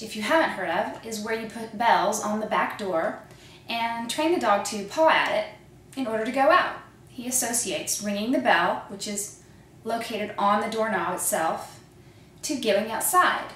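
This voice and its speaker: Upbeat woman pitching a product. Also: a bit bright, slight background noise. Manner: upbeat, persuasive, chatty. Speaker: product presenter. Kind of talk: infomercial sales pitch. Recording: echoey room, mic at a distance.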